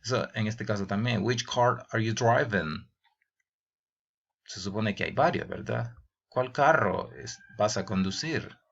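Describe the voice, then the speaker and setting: Slow gravelly male English teacher. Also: fairly low pitch, fairly bright tone. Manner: translates each English example into Spanish; addresses students as "jóvenes". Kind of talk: bilingual grammar lesson. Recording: dull lo-fi recording.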